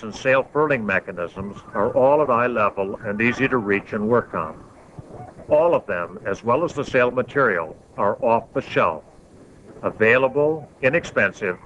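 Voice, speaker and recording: A man reading scripted promotional narration for an infomercial in a measured, explanatory way. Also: medium pitch, sharp tone. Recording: dull lo-fi, faint background noise.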